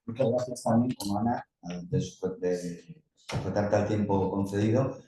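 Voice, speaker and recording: Mellow male session chair, very echoey. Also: lowish voice, moderate pace. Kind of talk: informal introduction of speakers. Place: conference room. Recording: very echoey room, distant mic, faint noise.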